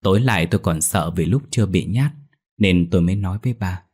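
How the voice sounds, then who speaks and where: A man narrates a ghost story. His telling is hushed and suspenseful, steady in its pacing. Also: low-pitched, fast, slightly rough.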